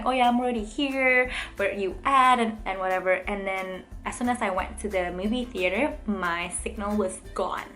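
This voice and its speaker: A woman's voice: mid-range voice, a bit bright. A young woman giving a heartfelt spoken wedding toast to camera, chatty and storytelling, getting emotional at times. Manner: chatty storytelling, acts out quotes, tearful moments. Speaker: vlogger giving a wedding speech to her cousin.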